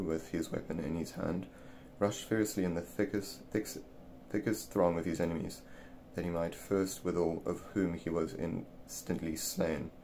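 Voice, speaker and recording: Deep male reader, halting delivery with restarts, slight room hiss. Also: mellow. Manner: stumbling, repeating words as he reads. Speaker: reader of a classic essay. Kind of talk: reading an old text aloud.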